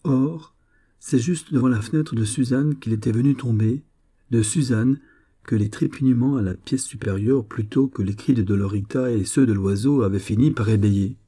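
Dark-voiced male storyteller. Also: medium pitch, moderate pace, slightly rough. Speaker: narrator. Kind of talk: audiobook story reading.

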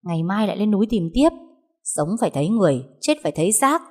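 A woman's voice: mid-range voice, very animated, quick pace, a little mellow. A woman voicing a young village man who urgently recounts a deadly tiger hunt.

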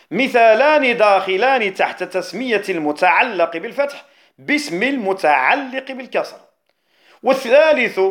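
A man, a jurist, explaining a classical poem on rhetoric in a recorded lesson, repeating key phrases and slowing down on technical terms. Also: high voice. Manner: slows down to stress technical terms. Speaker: Islamic jurist teaching rhetoric.

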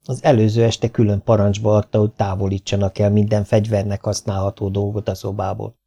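A man reading a novel aloud as audiobook narrator, measured and even. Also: on the low side, creaky. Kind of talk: scripted narration.

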